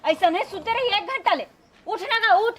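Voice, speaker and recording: A woman's voice: extremely high pitch, expressive, moderate pace. A woman with a Chhattisgarhi accent playing an exasperated, sarcastic village sister-in-law who nags in a broad comedy skit. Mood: exasperated, scolding. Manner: nagging, sarcastic. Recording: loud music behind dialogue.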